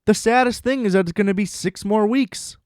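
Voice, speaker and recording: A man hosting a solo podcast, chatting casually about TV in an excitable, profane, rambling way. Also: sits high, brisk, dry recording, studio quality. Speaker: podcast host.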